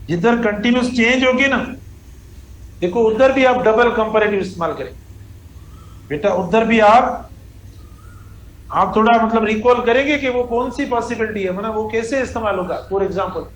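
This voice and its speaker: Man, English teacher, classroom lecture, high voice, faint background noise. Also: normal speed, pauses often, roomy sound, poor audio. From Pakistan. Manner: drawls out example sentences word by word, calls students "beta".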